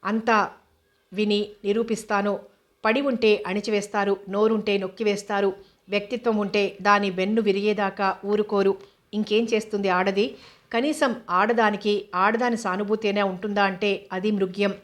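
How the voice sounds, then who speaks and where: A woman's voice: medium pitch, little pitch movement, moderate pace, close to an everyday voice. A woman voicing a grieving young man who speaks with impassioned pleading.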